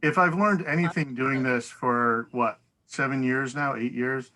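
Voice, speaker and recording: A man's voice: mid-range voice, unhurried, bright, forceful tone, poor audio. A man chairing a town council public hearing over a video call, talking in an easygoing, procedural way with the odd light laugh.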